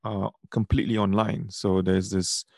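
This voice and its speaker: A man's voice: lowish voice, little pitch movement, moderate pace, creaky, darkish tone, no room sound, studio quality. A man from Singapore with a Singaporean accent, hosting a conversational podcast. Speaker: podcast host.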